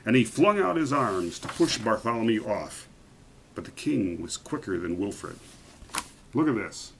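A man reading a picture book aloud to children, animated and stopping to point out the pictures. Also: on the low side, a little slow, creaky, noisy background.

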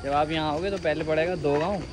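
A young man from India talks casually into his phone while walking outdoors, joking and teasing a friend. His voice sits a little high for a man. Clear background noise from outdoors runs under the phone recording. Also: steady tone, fast talker. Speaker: vlogger. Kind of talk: casual vlog chat. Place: outdoors at a hillside restaurant and park. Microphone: handheld phone.

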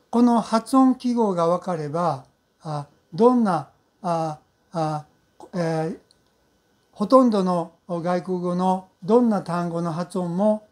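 A woman teaching English pronunciation in Japanese, speaking slowly and patiently with many fillers and drawn-out model sounds. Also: fairly low pitch, warm tone. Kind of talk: recorded pronunciation lesson.

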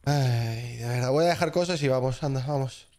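A man's voice: medium pitch, moderate pace, a little mellow. A man streaming a game, joking with mock threats toward a friend. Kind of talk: gaming stream banter.

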